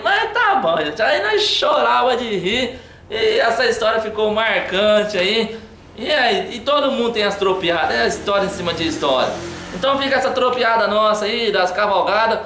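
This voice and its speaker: A man telling a funny anecdote in a lively, chatty way. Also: high voice, moderate pace, roomy sound, a little hiss or hum. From Brazil. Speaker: storyteller.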